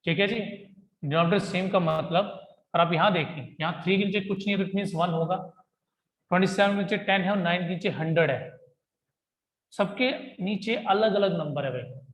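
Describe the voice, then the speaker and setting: A man's voice: sits high, moderate pace. A young man teaching a math lesson in a chatty way, often checking in with his students. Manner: chatty, repeats "ठीक है जी" and "भाई". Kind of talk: classroom-style math lesson. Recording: echoey room.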